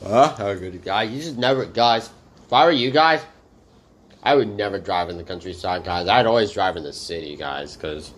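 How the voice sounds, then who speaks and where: Speaking at a moderate pace in a voice on the low side, a man hosts a reaction video with a little hiss or hum behind him. His talk is a casual ramble, and he says "guys" to his viewers constantly.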